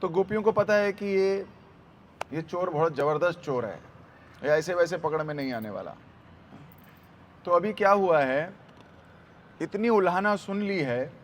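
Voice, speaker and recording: A man preaching a sermon, telling a devotional story in an animated, dramatic way. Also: on the high side, slight background noise.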